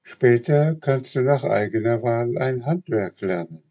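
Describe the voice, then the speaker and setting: A man voicing a kind, wise, motherly fairy in a read-aloud storybook, speaking gently and admonishing. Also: mid-range voice, lively intonation, a little slow, voice pushed up.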